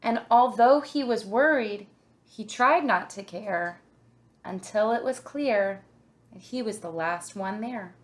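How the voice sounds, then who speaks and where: Reading a picture book to children, a woman sounds like a kindergarten teacher, deliberate and expressive as she tells the story. She speaks in a mid-range voice.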